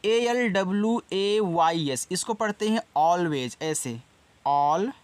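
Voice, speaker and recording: A man's voice: high-pitched, expressive, dry recording. A man with a Hindi accent teaching an English lesson in a casual way, spelling each word out letter by letter and repeating it. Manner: slow, spells words letter by letter and repeats them.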